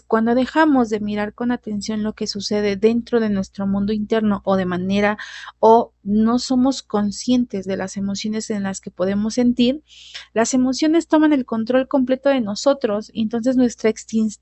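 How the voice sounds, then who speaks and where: A woman's voice: on the high side, a little mellow, no room sound. Conversational woman teacher, dry sound. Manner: conversational, frequent tag questions and restarts. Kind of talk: recorded class lecture.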